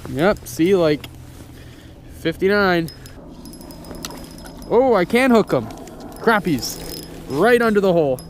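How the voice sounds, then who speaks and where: A young man with a rather high voice vlogs casually outdoors. He talks in an informal, excitable way and swears freely, over clear outdoor noise on an action camera. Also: slow, pauses often. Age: young adult. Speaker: vlogger, fishing host. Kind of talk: casual outdoor vlog chat. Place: outdoors on a frozen pond and by a river. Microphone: handheld or body-worn action camera.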